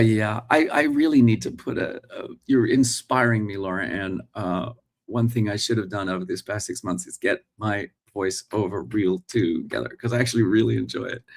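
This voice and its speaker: A middle-aged working actor hosts a relaxed morning live stream, chatting with viewers and laughing easily as he reacts to their comments. His voice is on the low side and a little mellow.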